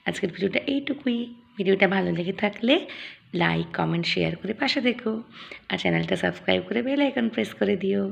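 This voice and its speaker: A young woman in her early twenties with a Bengali accent, chatting quickly and casually in her daily vlog. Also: mid-range voice, lively intonation, gravelly, highs cut off. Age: early 20s. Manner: chatty, talks fast by habit. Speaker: vlogger.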